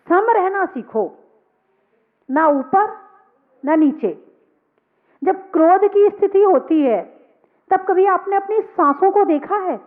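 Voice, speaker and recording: A woman preaching a sermon in a very high voice. She asks the listeners questions and answers them herself, repeating key words as she goes. The sound is thin and narrow, like a phone line. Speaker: Jain nun preacher.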